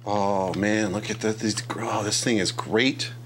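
A man's voice: lowish voice, steady tone, measured pace, a bit bright, slight background noise. A middle-aged man vlogging at his home workbench, joking and laughing at himself as he tests a repaired console. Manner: jokey and self-deprecating, hums tunes and laughs at himself. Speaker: craft and repair YouTuber. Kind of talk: casual vlog narration. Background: retro video game music.

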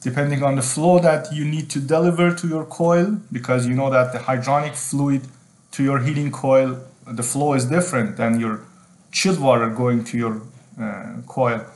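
A man's voice: medium pitch, steady tone, normal speed, a little mellow. A middle-aged man teaching HVAC design over a screen share, explaining in an unscripted way with frequent ums and repeated phrases. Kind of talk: screen-share technical tutorial. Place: indoor room.

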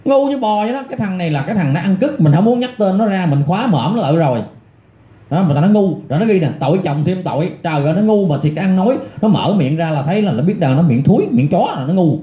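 A man's voice: sits high, lively intonation, fast, mellow, echoey room. A middle-aged man delivering an angry, scornful rant full of insults and repetition. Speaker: online commentator. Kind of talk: angry ranting monologue.

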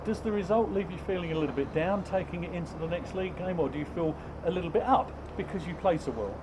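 A man reporting from the stands with a somewhat high voice, chatty and prone to stumbling restarts. He holds the mic out toward his guest, off camera. Outdoor noise is clearly heard behind him. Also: quick pace. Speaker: club TV reporter. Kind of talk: post-match interview questions. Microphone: handheld mic, off-camera.

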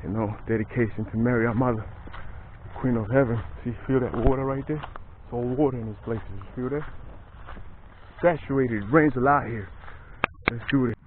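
A man's voice: medium pitch, normal speed, pauses often. Laid-back man vlogging on a long walk. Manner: laid-back, prayerful, says "man" a lot. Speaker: pilgrim vlogger. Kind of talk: casual walking vlog. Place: outdoors, walking roads and camping in a tent. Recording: tinny lo-fi camera audio with faint outdoor noise.

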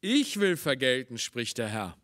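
Man, pastor, sermon, animated intonation, dry close sound. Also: medium pitch, no echo. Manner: earnest, varied emphasis, slows on scripture.

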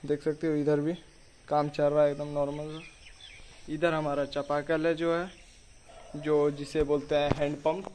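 A young adult man with a fairly high, monotone, darkish voice talks at a measured pace while giving a casual, chatty tour of a small concrete house, walking through bare rooms and onto the rooftop as his sister films. The camera is a few steps away, so the sound is distant and echoey, with slight background noise.

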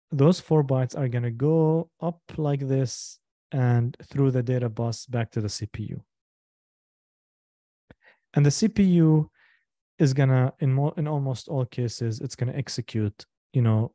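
A male instructor giving a live online lecture, explaining slowly and patiently, repeating each step and asking the class for questions. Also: mid-range voice, warm tone, dry recording, studio quality. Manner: asks the class for checks and questions.

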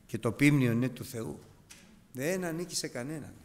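A man in his fifties preaching a sermon to his congregation, animated and emphatic. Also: medium pitch. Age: 50s. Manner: animated, emphatic, addresses brethren. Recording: hall reverb.

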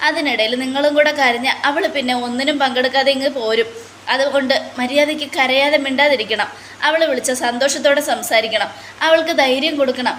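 A woman's voice: high voice, fairly bright tone, slight background noise. Woman playing a firm, caring elder sister. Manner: coaxing then scolding, firm.

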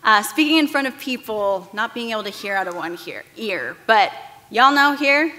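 A woman in her thirties giving a commencement address from a podium, candid and halting, with restarts and fillers. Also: on the high side, lively intonation, sharp tone. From Texas-Mexico border region. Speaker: commencement speaker, news anchor. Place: large auditorium stage. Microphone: podium microphones. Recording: long hall reverb.

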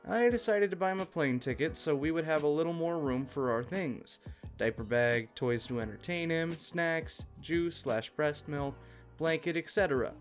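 A man giving a scripted narration of an online post in a steady, even reading manner. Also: on the high side. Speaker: story narrator.

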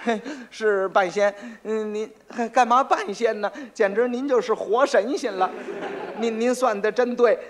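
A man's voice: sits high, unhurried, voice pushed up. A man voicing a frightened male thief who stutters as he begs and pleads. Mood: fawning. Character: stammering, frightened male thief begging a fortune teller.

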